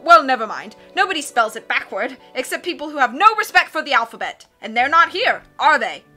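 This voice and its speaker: A woman voicing a blustering, excitable male submarine captain from a storybook, roaring and constantly changing his mind. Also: high voice, faint music behind, exaggerated voice. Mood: indignant. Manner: roaring, self-contradicting, rapid changes of mind.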